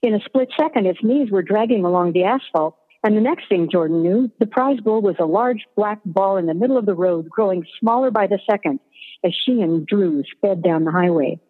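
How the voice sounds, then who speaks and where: A woman narrating a scripted story in an even, descriptive way, over a tinny line with long reverb. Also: mid-range voice, fairly quick, husky.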